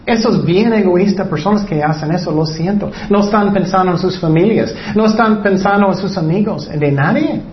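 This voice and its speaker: A man's voice: sits high, normal speed, hardly any pauses. A man preaching a sermon, emphatic, repeating his phrases and firing off rhetorical questions. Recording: echoey, dull lo-fi room recording.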